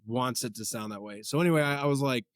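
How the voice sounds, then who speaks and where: A man in his forties, a podcast guest, chatting casually and telling rambling, animated stories. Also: mid-range voice, fast, dry recording, studio quality. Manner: rambling, animated storytelling with many filler words. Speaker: podcast guest, comedy content creator. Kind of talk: casual chat.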